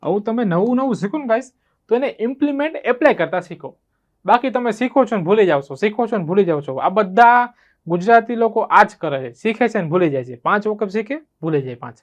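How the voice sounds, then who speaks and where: A man's voice: high voice, lively intonation, fairly quick. A man teaching spoken English with a Gujarati accent, explaining grammar and constantly checking whether students have understood. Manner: asks students rhetorical check questions.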